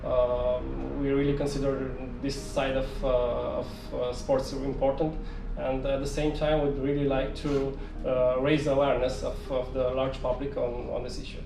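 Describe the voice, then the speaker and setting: Hesitant young Romanian man, even pitch. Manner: hesitant, halting delivery. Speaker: youth delegate and side event host. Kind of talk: interview recap. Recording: echoey, distant mic, clearly noisy room.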